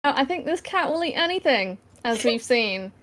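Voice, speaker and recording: Female player, higher voice, playful and giggly. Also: sing-song, moderate pace, a bit bright. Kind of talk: casual chat in a tabletop game.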